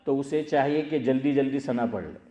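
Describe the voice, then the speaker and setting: With a warm, medium-pitched voice, this man delivers a conversational sermon as an Islamic scholar. He asks the audience questions and goes back over the main points, and the recording has a roomy sound.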